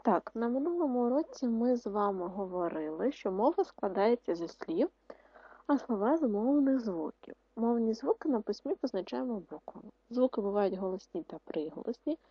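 A woman teacher giving an online lesson to second graders, speaking slowly and clearly and sounding out vowels one by one. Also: a little high, animated, no room sound, lo-fi sound. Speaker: primary school teacher.

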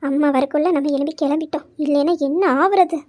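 A woman's voice: high voice, steady tone, fast, over music, natural voice. A woman playing a lazy, cheeky daughter who whines and talks back to her mother in a comic family skit. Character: cheeky, lazy, sulky girl who oversleeps.

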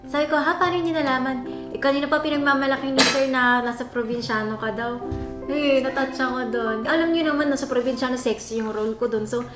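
Young woman telling a personal story on her vlog, a bit high voice, soft and reflective, english bits mixed into her tagalog, roomy kitchen sound with music behind. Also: steady tone, fairly quick. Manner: mixes English phrases into Tagalog, soft and reflective when recounting memories. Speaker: vlog host. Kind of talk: casual chat and personal storytelling.

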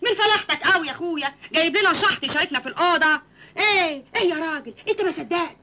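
Scolding, resentful Egyptian housewife; rapid, high, bright. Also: female voice, a little hiss or hum. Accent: Egyptian Arabic. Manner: nagging and scolding. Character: sharp-tongued aunt, resentful housewife.

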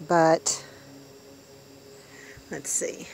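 A woman's voice: extremely slow, darkish tone, a little hiss or hum. A woman in her fifties vlogging casually on a walk through the woods, chatty and wondering aloud as she goes, recorded on a handheld phone outdoors. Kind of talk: casual walk-and-talk vlog. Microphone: handheld phone camera.

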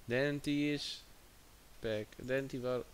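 A man's voice: mid-range voice, steady tone, takes it slowly, clear, resonant tone. A man chatting casually on a livestream, distracted and talking to his chat and a friend. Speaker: livestream host.

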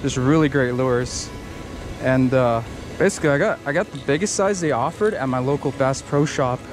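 A young man, chatting casually and excitedly while fishing from rocks at a park pond, rambling through explanations with lots of fillers. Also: mid-range voice, normal speed, over music. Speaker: fishing vlogger. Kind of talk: casual outdoor fishing vlog. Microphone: head-mounted action camera.

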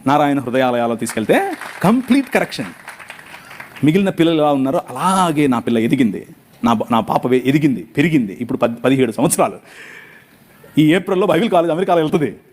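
A man's voice: a little high, very animated, quick pace, a little mellow. A middle-aged male pastor with a Telugu accent preaching a passionate sermon. He acts out prayers and God's replies.

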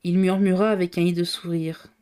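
A woman reading a novel aloud on a live stream, narrating in a steady, clear way. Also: on the low side, fairly quick.

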